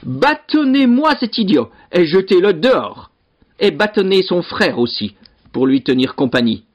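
A man voicing an angry, bullying rich lord who shouts and domineers. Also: on the high side, big pitch swings, normal speed, slightly rough, pitched above the performer's own voice. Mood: furious. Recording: dull lo-fi recording.

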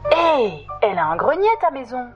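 Little male mouse, kind, touchy, high and stammering; storybook; woman voices him. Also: big pitch swings, normal speed, highs cut off, music in the background. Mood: cross. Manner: high, timid, stammering when scared.

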